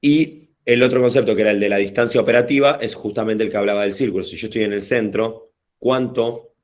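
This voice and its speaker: A man's voice: on the low side, a little fast. A man with a Rioplatense Spanish accent leading an informal online workshop over a video call, talking casually and digressively with slang and hesitant restarts. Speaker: workshop facilitator.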